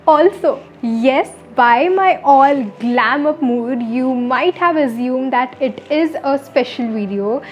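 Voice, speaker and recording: A woman's voice: high voice, takes it slowly, few pauses, highs cut off. A woman in her early twenties with an Indian English accent, chatting upbeat to camera as she answers viewers' questions. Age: 20s. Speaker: vlogger, law student. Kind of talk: casual Q&A to camera.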